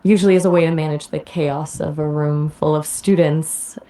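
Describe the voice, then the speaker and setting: A woman's voice: low-pitched, steady tone, normal speed, warm tone. A woman's AI assistant voice giving polished conversational explanations, ending each answer with a question back.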